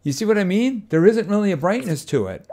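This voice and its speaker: Chatty streamer man with lively pitch. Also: brisk, a little hiss or hum. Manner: chatty, wry asides. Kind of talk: casual gameplay commentary. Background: game music.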